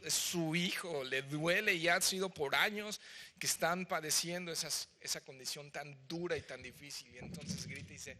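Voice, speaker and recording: A man with a Mexican Spanish accent preaching a verse-by-verse sermon, expressive and chatty, acting out the voices of the story with asides to the congregation. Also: a little high. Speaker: pastor. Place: church hall. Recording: church hall reverb.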